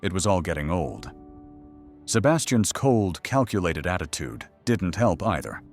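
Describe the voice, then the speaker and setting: A man's voice: low voice, very animated, unhurried, faint music behind. A man narrating a scripted documentary in a dramatic, mocking storytelling manner.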